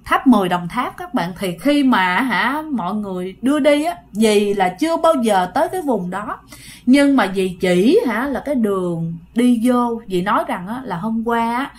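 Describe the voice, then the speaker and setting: A woman's voice: fairly high pitch, animated, moderate pace. A woman with a Southern Vietnamese accent telling a ghost story in a chatty way, talking straight to her listeners. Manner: chatty, addressing listeners directly.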